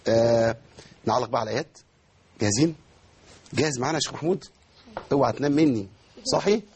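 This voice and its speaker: Egyptian man as recitation teacher, rapid and a little raspy, calls on students and models verses slowly. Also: medium pitch, lively intonation, a little mellow. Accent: Egyptian Arabic. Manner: quizzes students by name, demonstrates verses slowly. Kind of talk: tajweed lesson with students.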